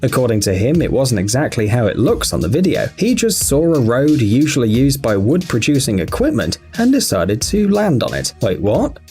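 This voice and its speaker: A male narrator delivers a scripted voice-over with humorous asides. His pitch is middling but swings widely and animatedly, and music plays behind him. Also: sing-song, normal speed, few pauses, a little mellow. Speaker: video narrator.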